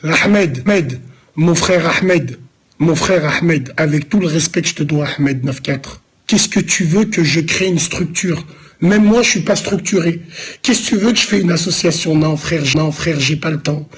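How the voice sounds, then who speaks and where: Male streamer from Lyon, husky tone, slangy, rambling, teases his chat. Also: on the high side, measured pace. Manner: loose, rambling street slang, teasing chat. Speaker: live streamer answering viewers. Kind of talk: casual live-stream chat.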